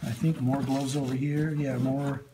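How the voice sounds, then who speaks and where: A man hosting a workshop video, casually showing his tools in a slow, halting way with lots of ums and uhs. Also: medium pitch, little pitch movement, noisy background. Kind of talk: casual show-and-tell of tools. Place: indoor workshop at a metal bench. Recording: loud clatter of metal tools.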